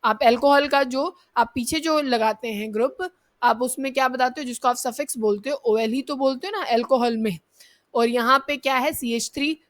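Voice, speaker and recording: A woman's voice: high voice, fairly bright tone. A woman teaching an exam-prep chemistry lesson, explaining step by step and answering her own questions. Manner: explains step by step, keeps asking students questions and answering them herself; addresses students as kids, checks in with "theek hai".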